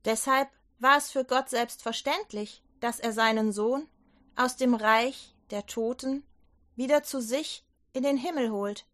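A woman telling a children's Bible story at an unhurried pace. Her voice is bright and clear, with a gentle storytelling manner. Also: a little high.

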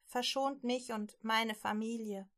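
Woman doing a bold, quick-thinking innkeeper woman, brisk, bright and lively. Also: on the high side. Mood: pleading.

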